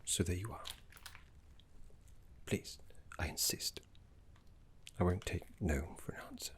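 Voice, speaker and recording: In an ASMR roleplay, a man plays a gentle, scholarly teacher of necromancy, speaking in a low, soft, breathy whisper. His manner is courteous, soothing and measured, with a fond, gentle mood.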